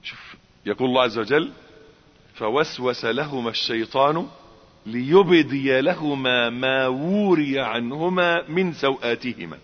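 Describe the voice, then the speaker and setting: A man preaching a sermon in colloquial Egyptian Arabic, animated, rising to emphatic exclamations and acting out little dialogues. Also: mid-range voice, a little slow. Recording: muffled reverberant hall recording.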